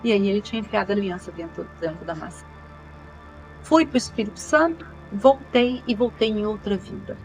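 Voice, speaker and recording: A woman's voice: medium pitch, a little fast, faint music behind, low-quality recording. A woman in her sixties with a Brazilian accent, telling her life story earnestly and repeating phrases for emphasis. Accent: Brazilian Portuguese. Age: 60s. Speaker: channel host. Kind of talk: personal life testimony.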